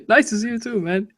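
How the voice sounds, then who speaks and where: A woman from Germany, a native German speaker, chatting casually on an online group call. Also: on the high side. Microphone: internet group call.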